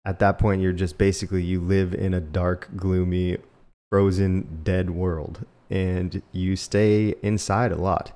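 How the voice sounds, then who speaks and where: A young man, a singer-songwriter raised in Alaska and Costa Rica, casually telling a reflective story to camera with pauses and fillers. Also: low voice, darkish tone.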